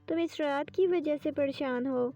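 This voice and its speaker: A woman voicing a gentle, worried young husband who questions his wife softly. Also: high voice. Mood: coaxing. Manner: soft coaxing questions. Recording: distant dull lo-fi with faint music.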